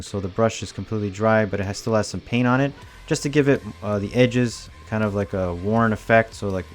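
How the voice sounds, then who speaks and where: A man in his thirties with a fairly low voice walks through each craft step in a relaxed, matter-of-fact way. It is a casual tutorial voice-over. Faint music plays underneath. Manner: relaxed, plain step-by-step explaining. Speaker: cosplay prop maker. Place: home workshop, indoors.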